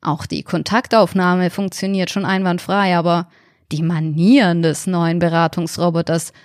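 A woman's voice: lowish voice, level tone, moderate pace, no echo, studio quality, natural voice. A woman voicing an unimpressed male store manager speaking matter-of-factly.

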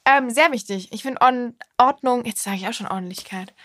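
A woman's voice: fairly high pitch, fairly quick, fairly bright tone, no room sound, clean studio sound. A woman talking casually with her mother, defending herself at length and restarting her sentences often. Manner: defensive and talkative, many restarts. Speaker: daughter and podcast co-host. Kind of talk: casual family chat.

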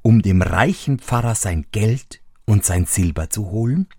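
A pair of hushed, wary male thieves, voiced by a man reading a storybook. They talk slowly and low-key. The sound is dry and close. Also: lively intonation, breathy edge, no echo, heavily acted.

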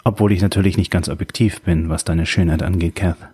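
A man reading an audiobook, voicing a male psychiatrist who speaks seriously and deliberately. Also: deep voice, steady tone, warm tone, breathy edge. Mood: earnest. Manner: serious and measured.

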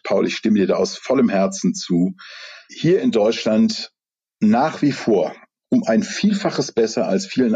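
A man from the Rhineland speaks with a low, mellow voice that carries a husky edge. He sounds measured and candid, like a coach thinking aloud. His audio comes through a dull, lo-fi video-call line. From Rhineland, Germany. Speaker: executive coach. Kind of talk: conversational interview over video call.

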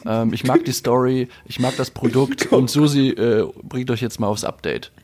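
A man hosting a casual morning show, talking in a halting way with many fillers. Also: mid-range voice, a little mellow. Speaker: host.

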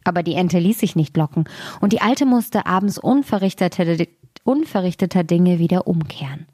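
A woman reads a fairy tale in a measured storytelling manner, her voice set fairly low. The recording is close and completely dry, and she sinks to a whisper at dark moments. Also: no room sound. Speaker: fairy-tale podcast narrator. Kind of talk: reading a fairy tale aloud.

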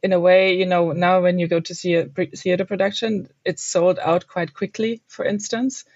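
A woman panelist talks in a gravelly, hesitant way, pausing often and filling gaps with ums. The sound is dry and close, but dull and lo-fi. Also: on the low side, little pitch movement, a little mellow, no room sound. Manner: hesitant, many pauses and ums. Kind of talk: panel discussion.

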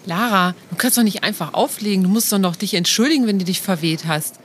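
A woman playing a caring, gently correcting mother of young children in an educational audio play. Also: medium pitch, quick pace, heavy background noise, natural voice. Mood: gently instructing.

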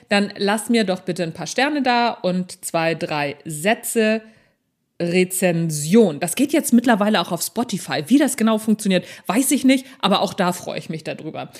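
A woman talks into her own podcast in a chatty, animated way. She stresses key words, changes pace often, and slips from a prepared text into joking asides. Her voice sits at a middle pitch for a woman. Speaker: podcast host. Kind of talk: solo podcast talk, half read, half ad-libbed.

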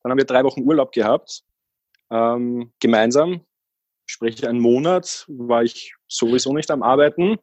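A man in his thirties tells his story as a podcast guest, circling back with fillers and restarts. His voice is a bit husky, recorded dry and close with no room sound. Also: medium pitch, moderate pace, a little mellow, no echo, lo-fi sound. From Austria. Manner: rambling, many fillers and restarts. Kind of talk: casual podcast interview.

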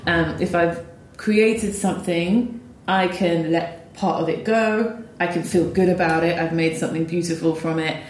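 A woman's voice: lowish voice, unhurried, a little mellow, a little hiss or hum. Reflective woman composer, roomy sound. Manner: thoughtful, with frequent ums and restarts. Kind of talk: reflective conversation. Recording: roomy echo.

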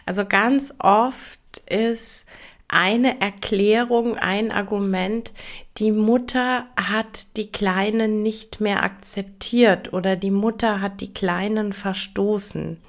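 Woman host for a solo podcast: slow, hesitant, reassuring talk with a gravelly edge. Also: mid-range voice, fairly even intonation. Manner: hesitant, many filler sounds, gentle and reassuring. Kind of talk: casual explanatory podcast monologue.

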